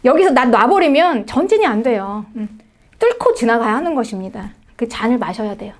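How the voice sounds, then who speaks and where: A middle-aged woman pastor delivers a sermon in a high, bright voice. Her pitch swings widely as she preaches. She presses her points with rhetorical questions and short affirming words. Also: big pitch swings, brisk.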